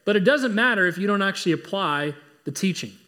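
A pastor preaching a sermon, earnest and emphatic, driving points home through repetition. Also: male voice, high-pitched, lively intonation, fast talker, pushed and bright.

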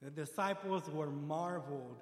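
A man preaching a sermon, building from calm storytelling to loud, emphatic passages and acting out voices. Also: a little high, unhurried. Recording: echoey hall with long reverb.

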